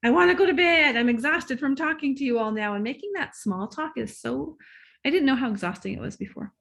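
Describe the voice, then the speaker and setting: In a casual interview, a woman relationship coach talks fairly quickly in a high voice with vocal fry. Her excitable manner brings easy laughter, and she occasionally loses her thread.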